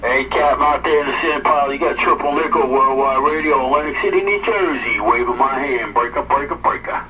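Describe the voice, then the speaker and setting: A man heard over a CB radio, calling out loudly and quickly in CB lingo as a radio operator. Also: mid-range voice, crowd noise. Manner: loud, hurried calling in CB lingo. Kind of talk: CB radio call. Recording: distant lo-fi CB radio with faint hiss.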